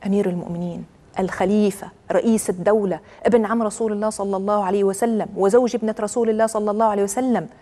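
A woman's voice: medium pitch, steady tone, racing, mellow. Earnest woman giving a religious talk. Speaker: religious speaker.

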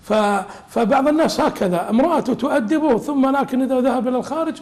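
A man's voice: very high-pitched, fast talker, a little mellow. A man teaching a religious lesson as a sheikh, explaining an old text with humorous asides.

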